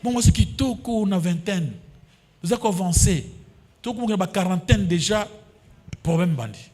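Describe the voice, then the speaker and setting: A man's voice: high voice, animated, normal speed, darkish tone. A pastor in his fifties with a Congolese French accent, preaching a sermon that he punctuates with alleluias and amens and mixes with Lingala. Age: 50s.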